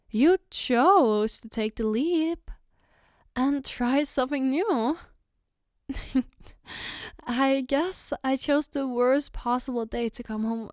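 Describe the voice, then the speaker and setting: Addressing the listener directly, a woman acts out an ASMR roleplay as a tender young girlfriend, soothing her partner with slow, gentle, hesitant words in a fairly high voice. The mood is warm and reassuring, and the sound is close and clean-toned, with no room sound.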